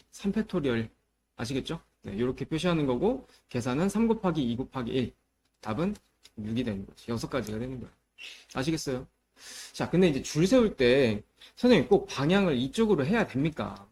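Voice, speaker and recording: A man teaching a middle school math lesson, explaining step by step and often checking that students follow, moving between polite and casual speech. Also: on the high side. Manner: explains step by step and checks understanding with repeated questions.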